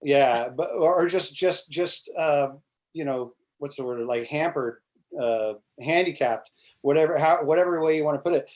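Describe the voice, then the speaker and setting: At a normal speed, a man in his forties with a fairly high, slightly mellow voice talks casually as a congressional candidate guest on a video call. His webcam captures him in a small indoor room with a plain wall, and he rambles with many restarts, fillers and casual swearing.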